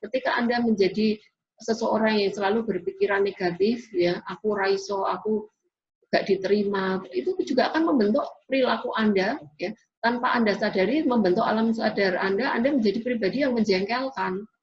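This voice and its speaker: A woman's voice: a little high, fairly quick, darkish tone. A woman giving a classroom lecture in an explanatory way, often tagging sentences with a questioning "ya". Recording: dull lo-fi recording.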